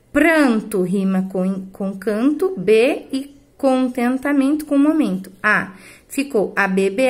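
A woman teacher with a Brazilian Portuguese accent explains answers to her class at an unhurried pace. Her voice sits a little high, and she counts out syllables one by one. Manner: slow, careful, counting syllables aloud. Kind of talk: recorded remote lesson correcting homework.

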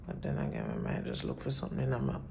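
Fast-talking and creaky, with a bass voice, this thirty-something woman films a casual vlog on a phone held out at arm's length in her apartment. There's background noise as she chats in a relaxed way, addressing viewers directly.

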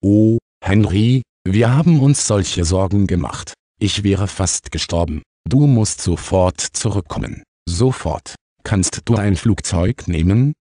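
A man's voice: lowish voice, slow, dark tone, no echo, studio quality. A man voicing an overwrought, tearful mother on the phone in an audiobook. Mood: frantic. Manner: agitated, overwrought. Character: frantic, tearful mother, adult woman.

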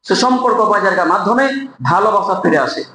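A man preaching a Friday sermon to a congregation in a mosque, speaking emphatically, asking rhetorical questions and chanting verses in a drawn-out way. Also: sits high, expressive, bright, forceful tone, slight background noise. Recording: echoey hall.

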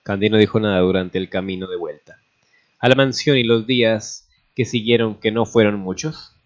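A man with a fairly low voice reads a melodramatic story aloud at a steady pace. He now and then goes back over a stumbled word. The recording sounds dull and lo-fi. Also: normal speed. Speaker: narrator. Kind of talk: reading a fan story aloud.

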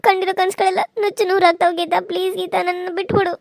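Woman doing a cartoon village woman, tearful and begging, very high voice. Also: flat delivery, quick pace, dry recording, studio quality. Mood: pleading. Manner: pleading, tearful. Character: frightened pleading village woman begging for life. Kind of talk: cartoon serial dubbing.

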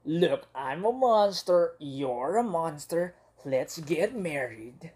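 A woman voicing a clumsy, friendly male monster in a children's storybook reading, speaking slowly and plainly. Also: low voice, animated, darkish tone. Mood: earnest.

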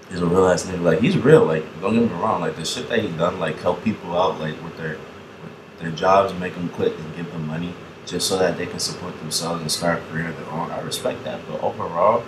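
A man's voice: low-pitched, roomy sound, noisy background. A young man hosting a casual reaction video. He rambles, swears freely and laughs often.

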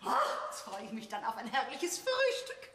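An actress playing an effusive, sentimental middle-aged city wife in a stage folk comedy. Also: female voice, high voice, huge pitch swings, normal speed, a bit bright, heavily acted. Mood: gushing. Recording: echoey stage with audience.

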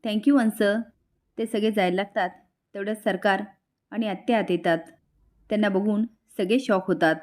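Female recap narrator, brisk storyteller, mid-pitched, everyday voice. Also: fairly even intonation, a little mellow. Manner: brisk retelling, lightly voicing each character's lines.

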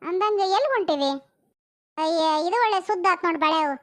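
Woman acting sharp-tongued village housewife, North Karnataka Kannada accent, very high voice, blunt rustic talk. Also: a little fast. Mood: chatty. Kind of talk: comic village family drama.

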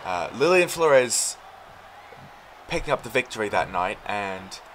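A man doing casual play-by-play commentary over a wrestling video game, rambling between moves and shouting when big moves land. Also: on the low side, big pitch swings, unhurried, some chatter behind, a little hiss or hum. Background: game music.

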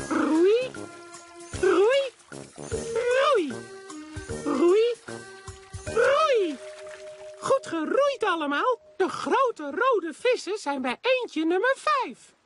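A performer voicing a cheerful male cartoon mouse who encourages young viewers in a bright, sing-song way. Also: very high voice, sing-song, drawn-out words, pauses often, full character voice. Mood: encouraging. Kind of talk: cartoon dub voice acting. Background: music.

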